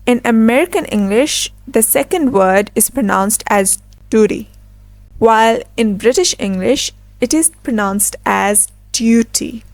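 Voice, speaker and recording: A woman teaching English pronunciation in a scripted lesson, slowing down to model each word deliberately. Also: on the high side, expressive, no echo.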